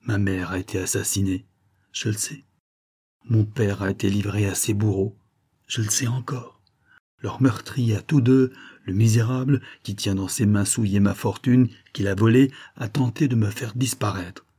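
A man's voice: lowish voice, steady tone, normal speed, warm tone, husky. A man voicing an impassioned young noblewoman bent on revenge in an audiobook, speaking in a raised, declamatory way. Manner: intense, declamatory, pleading.

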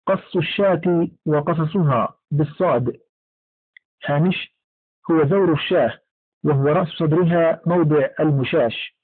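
A man reading a classical text aloud in a formal, measured way, with careful enunciation and recited verse lines. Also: a little high. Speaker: audiobook reader. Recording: narrow phone-like lo-fi sound.

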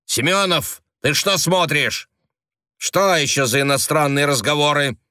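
A man's voice: fairly high pitch, animated, measured pace, sharp tone, no room sound, clean studio sound, pitched above the performer's own voice. A man reading an audiobook, voicing a brusque, sarcastic secret police agent who gives orders. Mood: mocking. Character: gruff, mocking male secret police agent.

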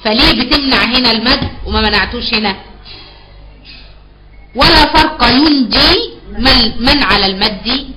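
A woman's voice: fairly high pitch, expressive, normal speed, long pauses, heavy background noise. A woman with an Egyptian accent teaching a live online Quran recitation class, patiently explaining and repeating key terms back as questions. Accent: Egyptian Arabic.

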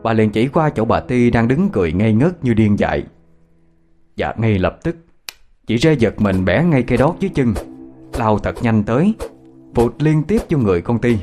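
A man narrating a ghost story as a lively, dramatic storyteller. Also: mid-range voice, moderate pace, soft background music.

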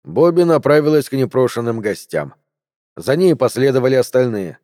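A man reading an audiobook in a steady, measured narration. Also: medium pitch, dry recording, studio quality. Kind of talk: scripted narration.

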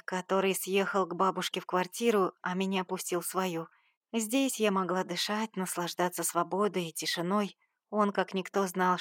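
A woman reading a novel aloud in the first person, in a sardonic, lively way. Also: medium pitch, no room sound, clean studio sound. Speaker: audiobook narrator.

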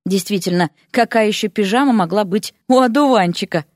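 A woman narrating a comic fantasy story with lively, expressive reading. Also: medium pitch, brisk, dry recording, clean studio sound. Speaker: audiobook narrator.

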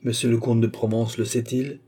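A troubled king asks sharp, anxious questions of his court, voiced by a male reader. His voice is dark and husky, in an audiobook scene. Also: mid-range voice, flat delivery, normal speed, close to an everyday voice. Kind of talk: audiobook character reading.

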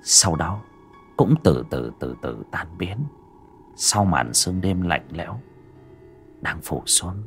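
A man narrating a horror story in a dramatic, expressive storytelling manner. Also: low voice, takes it slowly, pauses often, soft background music.

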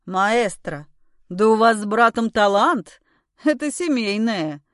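A woman voicing a sardonic man who mocks others in a dry, unhurried way. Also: on the high side, expressive, a bit bright, no echo. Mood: mocking. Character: sardonic, lounging man, cool and mocking.

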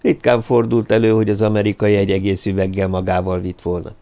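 A man reading a novel aloud as an audiobook narrator, in a measured storytelling style. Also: lowish voice, monotone, gravelly, dark tone. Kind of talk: scripted narration.

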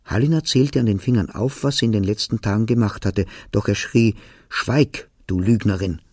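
A man reading a novel aloud for radio, telling the story quietly and evenly in the first person. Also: fairly low pitch, fairly quick, no echo, clean studio sound. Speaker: narrator. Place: radio studio.

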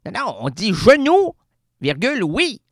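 A man's voice: high-pitched, huge pitch swings, a little slow, dry recording. A man with a Québécois accent, a radio columnist delivering a rambling, theatrical, absurdist comedic monologue in a studio. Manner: theatrical, rambling, playful wordplay.

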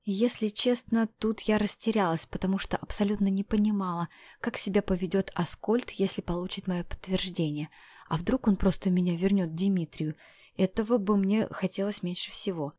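Brief: female audiobook narrator, mid-pitched, brisk storytelling, dry close mic. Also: steady tone, a little mellow, no echo. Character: heroine, a defiant young woman. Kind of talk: first-person audiobook narration.

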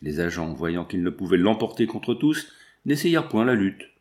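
Give me a man narrating a classic novel in a measured, expressive voice. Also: low voice. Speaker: audiobook narrator. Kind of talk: scripted narration.

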